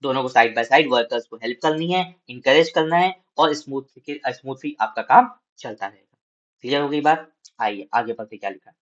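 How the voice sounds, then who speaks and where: A man with an Indian accent teaching a commerce class. He reads English textbook lines slowly, explains them in Hindi and asks students if it is clear. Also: medium pitch, dull audio. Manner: checks in with students with rhetorical questions. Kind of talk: Hinglish class lecture reading from a textbook.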